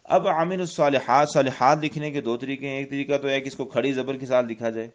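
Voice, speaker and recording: A man's voice: mid-range voice, fairly even intonation. Man teaching Quranic script, lo-fi audio. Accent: Pakistani Urdu. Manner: explanatory, repeats points, recites Arabic verses. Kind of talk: religious lesson on Quranic script.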